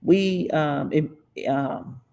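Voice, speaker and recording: Reading through viewer comments, a Florida livestream host leads a casual political chat. The voice is mid-pitched and mellow, with a gravelly, creaky edge; he laughs often and slows way down to stress key points.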